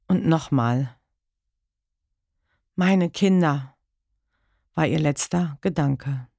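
A woman reading a story aloud in a measured, grave way. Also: on the low side, no echo, clean studio sound. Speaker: narrator.

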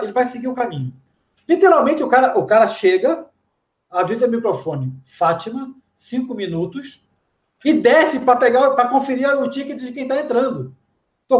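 A man from Brazil with a Brazilian Portuguese accent, chatting casually as an interviewee, slangy and full of anecdotes and quick asides. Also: high-pitched, a little mellow. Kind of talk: casual chat. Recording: echoey room.

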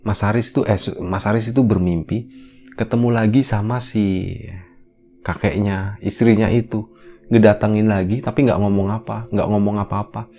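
A man's voice: fairly low pitch, steady tone, normal speed, warm tone. A man hosting a horror podcast, telling a story in casual slang full of fillers.

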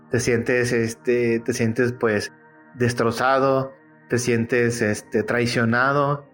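Earnest man sharing a faith testimony. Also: medium pitch. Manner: earnest, conversational, frequent tag questions.

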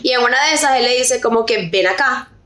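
A young Venezuelan woman with a high voice tells a story on a chatty podcast. She talks in an animated way and slips English words into her Spanish. The room adds a noticeable echo. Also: quick pace. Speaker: podcast co-host. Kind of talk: casual storytelling chat. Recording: roomy echo.

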